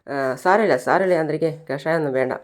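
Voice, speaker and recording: A storyteller doing a downcast young man from a television serial who quietly waves away worry. The delivery stays subdued and polite, close to the narrator's own voice. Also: medium pitch, fast, close to an everyday voice.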